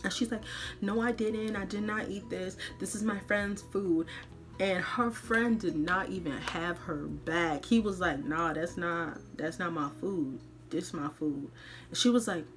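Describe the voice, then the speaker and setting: A female podcast host tells a personal story in an animated, colloquial style, acting out the dialogue dramatically. Her voice sits on the low side.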